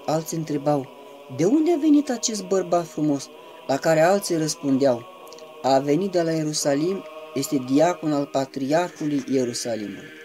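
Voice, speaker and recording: A man giving a reverent, measured devotional reading that slips into chanted intoning at times. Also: fairly high pitch, lively intonation, warm tone, soft background music. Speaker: reader of a saint's life.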